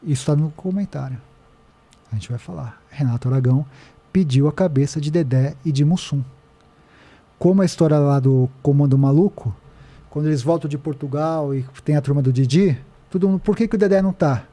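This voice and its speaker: A man with a Brazilian accent, a podcast guest who tells a story in an animated way and quotes people as he goes. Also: a little high, a little fast. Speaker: podcast guest, documentary director. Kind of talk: casual podcast conversation. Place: podcast studio.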